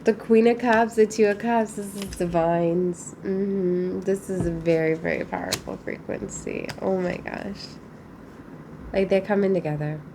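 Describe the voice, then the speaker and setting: A woman giving a casual, chatty spiritual tarot reading, musing aloud with thoughtful pauses. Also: on the low side, fairly even intonation, creaky, warm tone, a little hiss or hum. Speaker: tarot reader.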